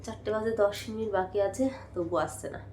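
A young woman with a Bengali accent chatting casually in a home vlog, worn out and coughing, her voice going hoarse. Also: mid-range voice, fairly even intonation, brisk, darkish tone, roomy sound, slight background noise. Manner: chatty, rambling, tired. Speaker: vlogger. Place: at home, indoors.

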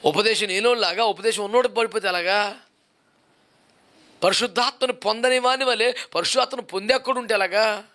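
A man's voice: high voice, brisk, pushed and bright. A male pastor preaching a sermon, driving his points home with repeated rhetorical questions.

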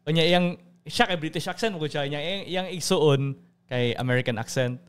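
A man's voice: fairly high pitch, moderate pace, smooth. A young man hosting a casual podcast chat, talkative and laughing often, mixing English into his speech. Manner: chatty, laughs often, mixes English into Cebuano. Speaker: podcast host.

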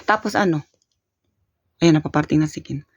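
Filipina vlogger, casual home storytelling, chatty with fillers, dull dry recording. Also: female voice, low voice, moderate pace, darkish tone, no echo. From Philippines. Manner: chatty, laughs often, trails off with fillers. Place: home in Korea.

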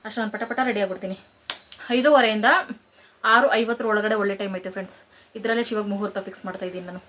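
A roughly twenty-eight-year-old vlogger with a rural Kannada accent from the Kanakapura area jokes casually with viewers as friends and coos at pets, indoors and outdoors at her village home. Her mid-range voice has fairly even intonation and a quick pace, and the recording is very noisy.

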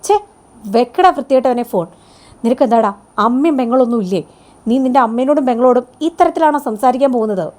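A woman's voice: on the high side, lively intonation, quick pace, voice pushed up, close to an everyday voice. A woman playing an indignant young woman. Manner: sharp, scolding.

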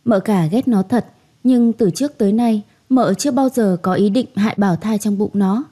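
Young woman reading a story aloud, calm and steady, mellow warm voice. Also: mid-range voice, moderate pace. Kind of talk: story narration in first person.

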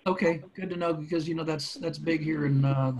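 A man's voice: fairly high pitch, fairly even intonation, a little fast, heavy background noise. A man giving casual, friendly-worded feedback as a webinar attendee. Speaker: audience member giving feedback. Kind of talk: casual question-and-answer chat.

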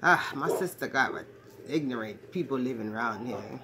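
Speaking at a moderate pace in an extremely low voice with lively intonation, a woman plays a crude, brash fortysomething man who carries himself like a swaggering ladies' man. She rambles to a phone camera at arm's length in a small, cluttered bedroom, with a noisy background.

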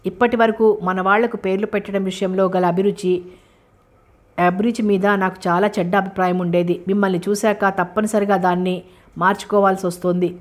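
A woman voicing a young, charming male managing director who teases and flatters in a playful way, read in an audiobook. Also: mid-range voice, brisk, natural voice. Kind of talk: audiobook character reading.

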